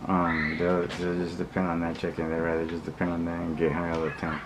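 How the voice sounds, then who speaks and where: Low, monotone man, noisy recording. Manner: rambling, repetitive, halting, often backtracking; slangy, blunt street talk with swearing. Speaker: vlogger. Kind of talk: casual opinion monologue to viewers. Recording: clearly noisy recording with background ambience.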